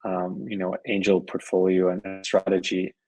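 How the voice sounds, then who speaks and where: Here a venture investor from Switzerland and Colombia, middle-aged, is interviewed on a podcast in a casual, conversational style full of restarts and repeated words. His low, slightly mellow voice stays completely flat at a normal pace. There's no echo, but the recording quality is low.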